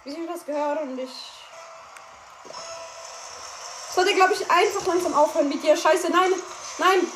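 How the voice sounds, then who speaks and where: A woman giving excitable live commentary on her own gameplay, crying out at goals and misses and chatting to her listeners. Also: high-pitched, unhurried, long pauses. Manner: excitable, shouts and cries out at plays, chatty asides to listeners. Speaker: gaming streamer. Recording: echoey room with background noise.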